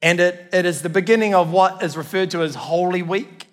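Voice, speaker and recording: Preaching to his congregation, a New Zealand man speaks high-pitched and a little fast in his role as church pastor. The delivery is earnest and emphatic with recurring phrases, caught in a long hall reverb.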